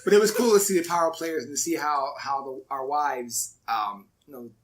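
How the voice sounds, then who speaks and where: A man in his thirties co-hosting a casual podcast chat, relaxed and thoughtful, pausing often with fillers. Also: on the high side. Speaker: podcast co-host.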